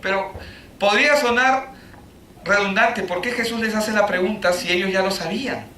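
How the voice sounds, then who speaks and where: A man preaching a sermon, full of rhetorical questions, rising to shouts and then dropping low. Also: moderate pace, slight background noise. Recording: echoey room, voice from a distance.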